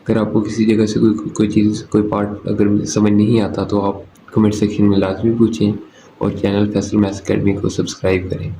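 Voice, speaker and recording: Flat-voiced maths teacher, roomy echo. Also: male voice, on the low side, moderate pace. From Pakistan. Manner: asks and answers his own questions, often checks "okay". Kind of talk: step-by-step lesson explanation. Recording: roomy echo with faint background noise.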